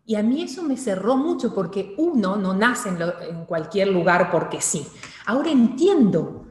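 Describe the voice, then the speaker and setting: A woman's voice: mid-range voice, very animated, moderate pace, darkish tone. Tv host lady in her 30s asking questions, voice rings around a roomy studio. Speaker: TV presenter interviewing. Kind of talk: interview. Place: small studio room. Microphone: desk mic. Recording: echoey room with long reverb.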